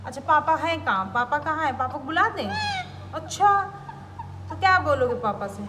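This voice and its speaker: A woman's voice: high-pitched, lively intonation, normal speed, bright, forceful tone. A woman talking to her pet parrot, coaxing it with repeated sing-song questions at home. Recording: echoey room with clear household noise.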